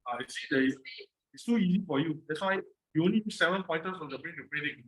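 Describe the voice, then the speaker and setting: A man's voice: on the high side, lively intonation, fast. Singaporean man coaching in an echoey room. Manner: encouraging, repeats short instructions. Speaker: instructor guiding a player through a brain game. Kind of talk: casual step-by-step coaching. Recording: roomy, echoing sound.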